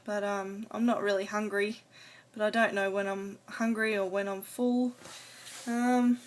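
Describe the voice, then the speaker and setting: Medium in pitch and flat in delivery, a woman's voice proceeds at a measured pace. She's an adult vlogger casually addressing the camera for her personal video diary, rambling a bit hesitantly and trailing off.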